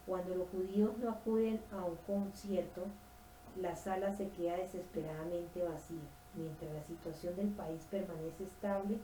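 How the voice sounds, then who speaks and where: Casting: woman reader, low warm voice, steady nonfiction delivery with small slips, echoey room. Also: slight background noise. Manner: steady, with some stumbles and self-corrections. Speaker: audiobook reader. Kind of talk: reading a nonfiction book aloud.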